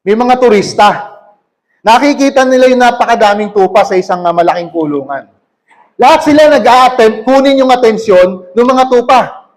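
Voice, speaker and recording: A man's voice: very high voice, animated, moderate pace. A man preaching, reading scripture verses aloud and then explaining them to his congregation, often checking in with "okay?".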